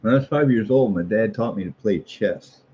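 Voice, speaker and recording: This is a middle-aged American man, a street artist, talking briskly in a low voice through a casual, rambling monologue. Folksy and opinionated, he repeats himself for emphasis. The recording sounds muffled and lo-fi with faint noise.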